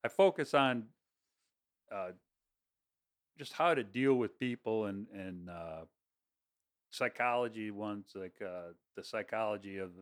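A man's voice: lowish voice, lively intonation, unhurried, long pauses. A man speaking as an interview guest about his work, rambling with frequent restarts and easy laughter. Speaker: guest, construction and plant project worker. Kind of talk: casual conversational interview.

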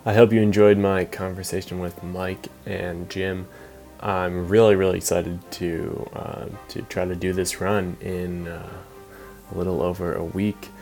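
Brief: male podcast host, very low flat voice, hesitant and filler-heavy. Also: a little slow, faint music behind. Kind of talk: casual podcast talk.

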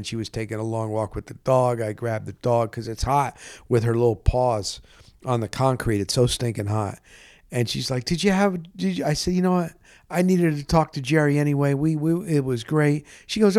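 Hosting a sports podcast, a middle-aged man rambles through stories in an informal, animated way, frequently cutting himself off. His medium-pitched voice is clean, recorded in studio quality with no room sound.

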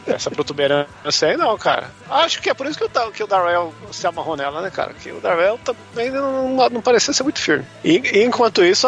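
A man's voice: high voice, a bit bright, dull audio. A man in casual podcast chat, wryly mocking a horror film's silly details. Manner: wry, mocking, ends phrases with "né, cara". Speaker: podcast co-host. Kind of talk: casual film recap chat.

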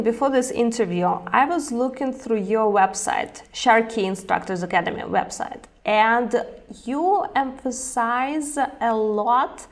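Woman interviewer asking long questions. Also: on the high side. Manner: long, searching questions with fillers like "like" and "uh". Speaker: interviewer, host.

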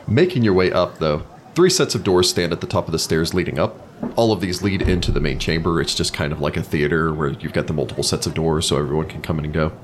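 A man narrating as game master of a tabletop game, describing scenes in a relaxed way with many fillers. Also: a bass voice, quick pace, slight background noise.

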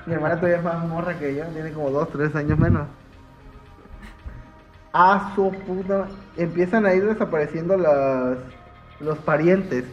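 A young Mexican man tells horror stories in a loose, slangy, animated way. His voice sits a bit high. The recording sounds roomy and dull, with faint music behind. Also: brisk. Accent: Mexican Spanish. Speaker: podcast guest. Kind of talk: casual chat.

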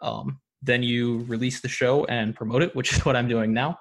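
A man who produces audio dramas talks eagerly as a guest on a podcast, filling his casual interview answers with lots of "um" and "uh." He has a gravelly, mid-range voice with fairly flat intonation at a normal speed.

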